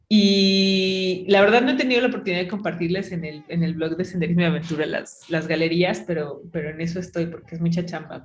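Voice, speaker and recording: A woman's voice: on the low side, echoey room. A woman with a Mexican accent hosting a podcast, chatting casually and filling her story with "o sea" and "¿no?". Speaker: podcast host. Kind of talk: casual chat.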